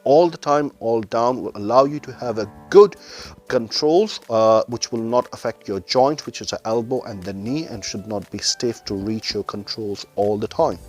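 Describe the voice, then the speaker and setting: A man's voice: mid-range voice, normal speed, soft background music. A man speaking as a driving instructor, giving methodical, formal step-by-step instructions to learner drivers in non-native English phrasing.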